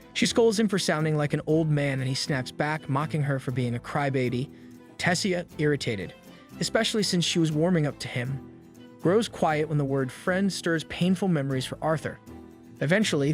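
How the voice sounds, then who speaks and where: A man with a somewhat high voice narrates a recap in a steady, scripted storytelling manner. Faint music plays quietly under his voice throughout.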